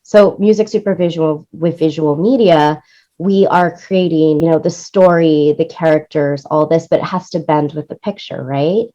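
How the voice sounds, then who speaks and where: A deep, mellow female voice at a moderate pace belongs to an interview guest, a music supervisor and producer. She answers conversationally, explaining as she goes and often tossing in "right?" or "you know", all in dull, lo-fi audio.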